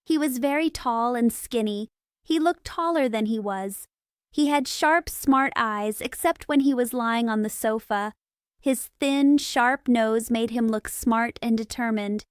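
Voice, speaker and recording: A woman narrating a story in clear, steady, simple storytelling for English learners, on a close studio microphone. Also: a little high, unhurried, no echo. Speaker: audiobook narrator.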